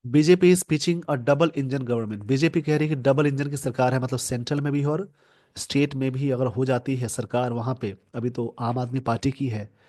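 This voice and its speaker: A male English teacher explaining a newspaper editorial to exam students. He reads English sentences slowly, then explains them word by word and tells viewers what to note down and remember. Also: medium pitch, level tone, darkish tone.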